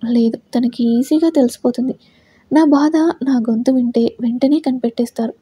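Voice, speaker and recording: A woman voicing a heartbroken young wife who speaks softly and holds back tears. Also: on the high side, fairly even intonation, normal speed, slightly rough, no room sound. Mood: sorrowful. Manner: soft, restrained, sorrowful.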